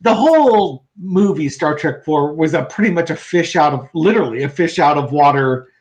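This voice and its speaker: A man's voice: fairly high pitch, lively intonation, moderate pace, darkish tone. A man co-hosting a tarot show, chatting casually with wry jokes and banter. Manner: wry, joking, adds banter. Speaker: tarot reader and co-host. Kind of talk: casual chat.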